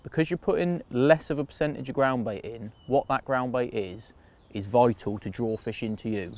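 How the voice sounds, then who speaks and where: A man from England, an angler, calmly talking through bait mixing and feeding his swim outdoors on a canal bank in a practical fishing how-to. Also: medium pitch. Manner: relaxed, practical, talks through each step. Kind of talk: instructional fishing demonstration.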